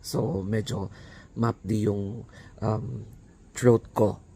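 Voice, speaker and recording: Hoarse man with a croaky voice. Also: fairly low pitch, steady tone, very slow, mellow. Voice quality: raspy, croaky voice. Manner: chatty Taglish, mixing in English; laughs breathily between phrases. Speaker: vlogger. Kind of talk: casual vlog chat.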